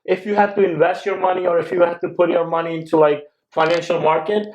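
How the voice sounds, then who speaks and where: Speaking quickly and in a muffled recording, an Indian man, Gujarati or another Indian language being his mother tongue, talks as a guest investor in a relaxed podcast conversation. He hesitates often and leans heavily on "uh" and "like." His voice is a little high and a little mellow, with little pitch movement.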